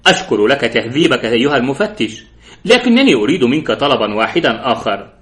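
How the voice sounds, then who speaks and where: A man voicing a calm, confident middle-aged male detective who speaks politely and with quiet insistence. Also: medium pitch, fast talker. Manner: polite, composed, gently insistent.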